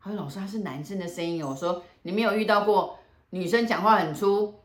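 Lively woman fortune teller, roomy sound. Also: mid-range voice, a little fast. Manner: lively, acts out both sides of dialogue. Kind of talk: casual storytelling chat. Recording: roomy echo.

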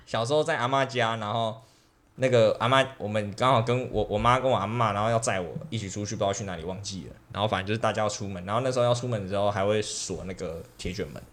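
A man, co-hosting a podcast and telling childhood stories in a casual, animated way, often laughing at himself. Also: lowish voice, quick pace. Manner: animated, laughing, self-mocking storyteller. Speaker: podcast co-host. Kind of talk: casual chat, storytelling.

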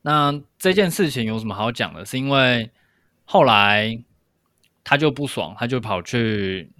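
A man's voice: mid-range voice, lively intonation, measured pace, pushed and bright, no room sound. A man co-hosting a podcast, explaining things step by step in casual discussion. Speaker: podcast co-host.

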